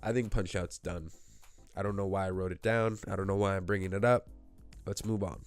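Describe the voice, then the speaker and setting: This deep, steady voice belongs to a man hosting a gaming video with a stuffy nose from a cold, chatting casually to camera with rambling speculation, self-mockery and joking asides. He talks a little fast into a desk mic, the sound clean over soft background music.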